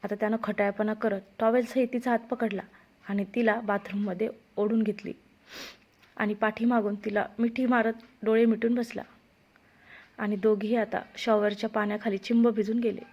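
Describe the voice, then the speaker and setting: A woman narrating a romance story in a steady storytelling voice. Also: medium pitch, normal speed. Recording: dull lo-fi recording.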